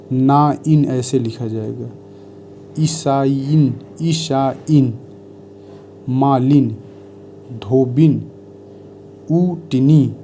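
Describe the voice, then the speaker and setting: A man teaching Hindi spelling, reading out word lists one by one in a measured dictation style. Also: mid-range voice, mellow, a little hiss or hum.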